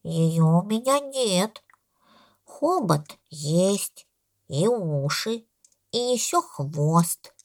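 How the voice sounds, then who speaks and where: A woman voicing a stubborn, literal-minded little elephant who speaks slowly and matter-of-factly. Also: fairly low pitch, full character voice. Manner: slow, flat, matter-of-fact.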